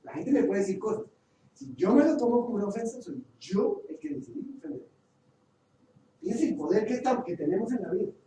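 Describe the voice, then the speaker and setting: A man's voice: high voice, expressive, a little fast, warm tone. A man leading a group training session, questioning the group and stressing his key points. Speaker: workshop trainer. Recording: echoey room, far from the mic, faint hiss.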